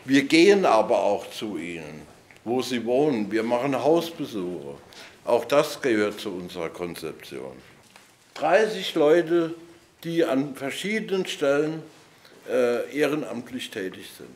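Older man giving a lively opening speech. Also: mid-range voice, a little hiss or hum. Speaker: youth office head giving a speech. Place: indoor office room with guests.

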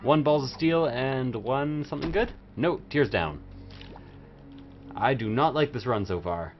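A young adult man hosts a livestream of a video game, giving rowdy, silly, tipsy party-animal commentary. His medium-pitched voice is expressive and measured in pace, with the mic pulled close to his face. The stream audio is dull and lo-fi, with game music in the background.

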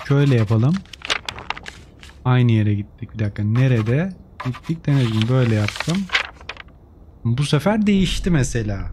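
A man's voice: mid-range voice, dark tone, slight background noise. A man commentating a game video, translating lines and musing aloud as he clicks. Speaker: gaming youtuber. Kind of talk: let's play commentary.

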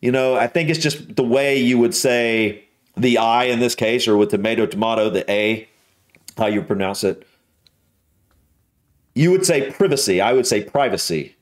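A man's voice: mid-range voice, measured pace, pauses often. An American man hosting a casual reaction video, musing aloud with lots of restarts and trailing thoughts. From United States.

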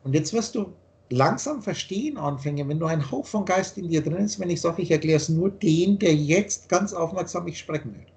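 A man with a high-pitched voice lectures over a video call. He speaks emphatically as a spiritual teacher. He often repeats and rephrases his points. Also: lively intonation, normal speed, creaky, a little mellow. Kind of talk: explaining ideas in a video call.

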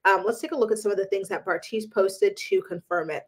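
Speaking fairly quickly in a slightly rough, mid-range voice, a woman hosts a celebrity gossip channel. She's chatty and full of opinions, leaning often on "um" and "like."

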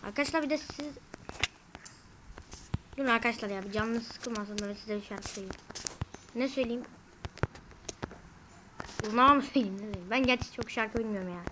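A fairly high-voiced woman chats through her own gameplay, speaking straight to her viewers. She is quick to grumble and exclaim when things go wrong. A faint noise hums behind her. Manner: easily frustrated, grumbling and exclaiming. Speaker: gamer. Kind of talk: casual gameplay commentary to viewers.

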